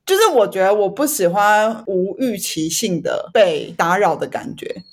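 A woman's voice: medium pitch, animated, normal speed. A woman from Taiwan with a Taiwanese Mandarin accent, hosting in a casual chatty way and dropping in the odd English word. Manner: drops English words into Mandarin. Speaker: podcast host. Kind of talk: casual chat.

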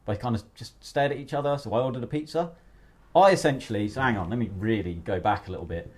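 A man hosting a podcast in casual, sweary chat, telling stories in an animated, blokey way. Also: medium pitch, fast. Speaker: podcast host.

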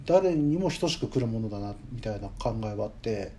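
A man talking as a guest musician in an interview, thoughtful and measured, with frequent hedging fillers. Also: lowish voice, animated, mellow, a little hiss or hum. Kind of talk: reflective conversational interview.

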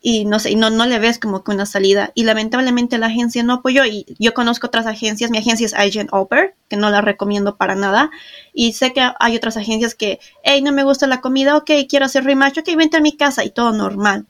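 A woman's voice: mid-range voice, a bit bright. A woman hosting a podcast, earnestly sharing a hard personal experience in casual, candid talk. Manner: earnest, candid, with frequent fillers. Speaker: podcast host. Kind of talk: emotional personal storytelling.

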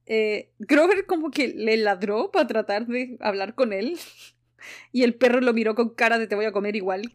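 A woman with a Chilean accent hosting a casual podcast chat, recapping a book with lots of laughter and acted-out quotes. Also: on the high side. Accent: Chilean Spanish. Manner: lively, laughs often, acts out quoted lines. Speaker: podcast host.

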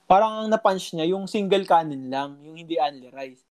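A man's voice: a little high, lively intonation, moderate pace. A young man telling a story in a casual chat, rambling with lots of fillers and mild swearing.

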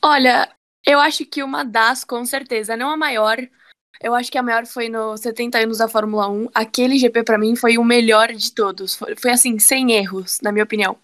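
A woman's voice: a little high, fairly even intonation, a little fast, fairly bright tone. A woman with a Brazilian accent, a guest giving opinions in a casual sports podcast chat.

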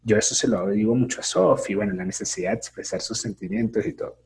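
A man, a teacher and therapist in training, explains emotions and parenting in a casual interview, often checking in with "ok?" and filling pauses with "eh". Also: on the low side, creaky, darkish tone, slight background noise. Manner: reflective, explains with many fillers and "¿ok?" checks.

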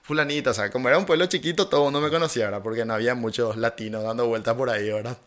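A man, a language teacher, telling lively anecdotes in a casual podcast conversation and laughing often. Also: medium pitch, very fast. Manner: animated storyteller, laughs often. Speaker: guest, German teacher.

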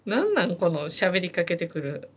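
A woman's voice: fairly low pitch, moderate pace. A woman with a Kansai accent, a comedian co-hosting a podcast, chatting in loose, teasing banter. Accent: Kansai Japanese. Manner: lively, rambling, teasing. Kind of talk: casual banter.

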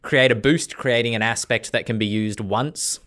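A man narrating a tabletop game as its game master, often pausing as he searches for words. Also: medium pitch, fairly bright tone. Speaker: game master and podcast host.

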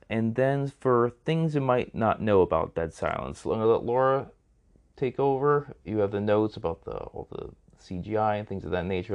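A man's voice: fairly low pitch, vocal fry. A man co-hosting a casual movie review podcast, rambling and checking in with his co-host. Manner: rambling, repeats himself, checks in with "right?".

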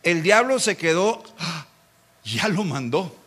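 A middle-aged pastor, preaching a dramatic sermon and acting out mocking voices. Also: male voice, on the high side, expressive, normal speed, fairly bright tone.

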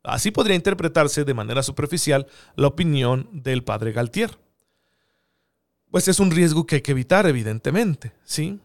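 A man's voice: fairly high pitch, animated, normal speed. A man giving an earnest theological teaching talk, often asking rhetorical questions. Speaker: preacher.

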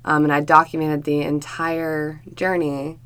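A young adult woman co-hosting a podcast, chatting candidly with many fillers, her voice hoarse from being sick. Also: low-pitched, flat delivery, unhurried, fairly bright tone. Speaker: podcast co-host. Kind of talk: casual chat.

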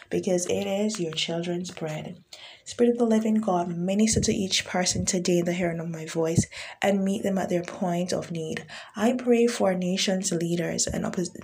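A woman minister delivering a prayer and prophetic message, speaking slowly and deliberately and quoting scripture often. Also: fairly low pitch, warm tone. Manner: slow, deliberate declaring, with frequent scripture quotes.

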